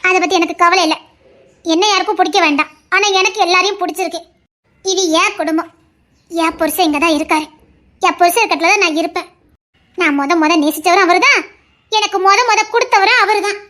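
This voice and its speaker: A woman's voice: very high-pitched, brisk, long pauses, sharp tone. A woman voicing a stubborn, loving young wife in an audio drama, talking earnestly and insistently. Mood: devoted, pleading.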